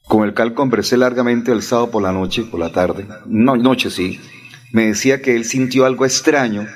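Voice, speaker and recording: Man, mid-pitched, blunt, combative radio host. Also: normal speed. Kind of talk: heated radio debate.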